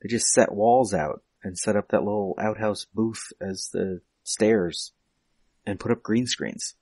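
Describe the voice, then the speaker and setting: Fairly low and darkish in tone, this male podcast host talks through a film with the others in a relaxed, measured way. The recording has no room sound.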